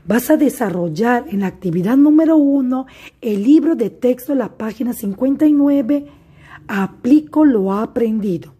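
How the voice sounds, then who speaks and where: Slow husky woman teaching a class. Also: a little high, mellow. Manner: slow, deliberate, addresses pupils directly. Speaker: primary school teacher. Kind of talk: recorded remote class lesson.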